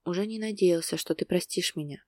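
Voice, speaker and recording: A woman's voice: fairly low pitch, fairly quick, darkish tone, no room sound, studio quality, lightly acted. Woman voicing Valera, a tense anguished man. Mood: tender. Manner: tense, urgent, speaking through gritted teeth. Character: distraught adult man, restrained but emotional lover.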